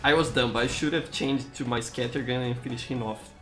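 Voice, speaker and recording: A Brazilian man, a native Portuguese speaker with an accent to match, casually comments on his gameplay and answers chat as a streamer, often repeating words while searching for them. His voice is medium-pitched, steady, fairly bright and fairly quick, with faint music behind him.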